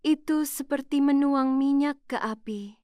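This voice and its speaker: A woman narrating a scripted first-person story in a slow, sorrowful way. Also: high voice, darkish tone, dry recording, studio quality.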